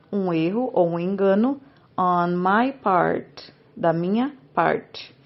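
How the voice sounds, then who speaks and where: Slow, deliberate woman teaching English. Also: mid-range voice, dull audio. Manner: clear, deliberate explanations, says English phrases slowly twice. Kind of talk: language lesson, slow model phrases repeated for learners.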